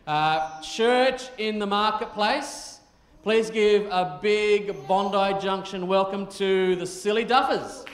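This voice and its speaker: A man's voice: high voice, slow pace, roomy sound, a little hiss or hum. A man leading a church service and introducing a puppet troupe to the children. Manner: friendly, upbeat compère.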